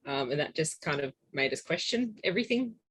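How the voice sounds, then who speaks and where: A woman's voice: low voice, lively intonation, brisk, a bit bright, slight background noise, low-quality recording. A woman from Newcastle in New South Wales with an Australian accent, a guest on a podcast who chats in a bubbly way, laughing often and using lots of fillers. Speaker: podcast guest, travelling photographer's partner. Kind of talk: casual interview chat.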